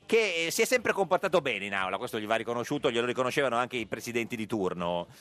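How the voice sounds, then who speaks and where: A man's voice: medium pitch, big pitch swings, quick pace, fairly bright tone. A man hosting a satirical radio chat, teasing and full of stumbling restarts. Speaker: radio host.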